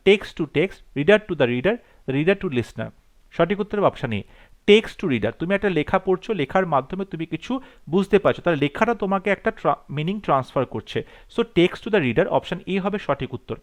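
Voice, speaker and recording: A man teaching an exam-prep lesson. He reads each multiple-choice question slowly and then explains the answer quickly. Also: high-pitched.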